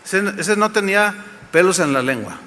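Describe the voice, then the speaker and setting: A man's voice: high voice, sing-song, moderate pace, pushed and bright. A man with a Mexican accent preaching a sermon, telling a story dramatically and asking the audience rhetorical questions. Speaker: pastor. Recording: echoey hall.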